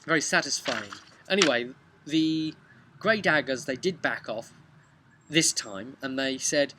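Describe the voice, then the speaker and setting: Seated on a bench by a brick house outdoors, with traffic sounds all around, a young British man in a casual vlog shares how a tabletop game he ran as game master went. He speaks at a medium pitch, conversationally, using emphatic pauses and tag questions.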